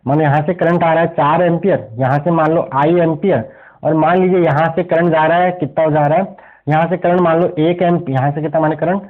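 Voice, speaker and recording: A man with a high voice teaching an exam revision lesson in physics. He walks through each step and keeps asking the class questions he answers himself. The sound is thin and tinny, like a phone line. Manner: explains step by step, poses rhetorical questions to students. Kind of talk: exam revision lecture at a board.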